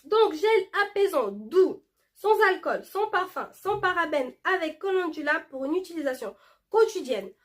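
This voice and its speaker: Chatty high-voiced woman vlogger. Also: expressive, normal speed. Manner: chatty, reads product labels aloud with many fillers. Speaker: beauty vlogger showing a shopping haul. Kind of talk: casual haul video talk to camera.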